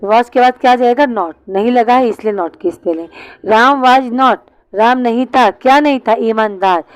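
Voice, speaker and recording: A woman's voice: a little high, a little slow, clean tone, dry recording, low-quality recording. A woman teaching an online English class, explaining step by step and answering her own questions.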